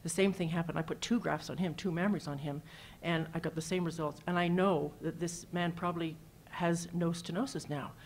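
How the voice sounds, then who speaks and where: Low-voiced woman presenting surgical cases. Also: fairly even intonation, fairly quick, hardly any pauses, slight background noise. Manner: casual, anecdotal, walks through slides with numbers. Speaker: cardiac surgeon presenting at a symposium. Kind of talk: conference presentation.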